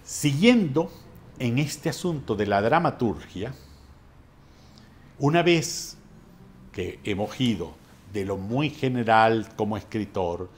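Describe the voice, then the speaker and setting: Slow, measured male drama teacher. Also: on the low side, slight background noise. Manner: measured, explanatory, stresses new points with rising emphasis. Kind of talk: master class lecture.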